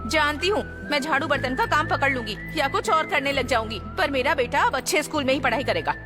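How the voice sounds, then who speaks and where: Brief: a shrill, harried mother, sharp-tongued, under film music. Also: animated, quick pace. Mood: resolute. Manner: scolding, shouting. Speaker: dubbing actor. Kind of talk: dubbed film acting.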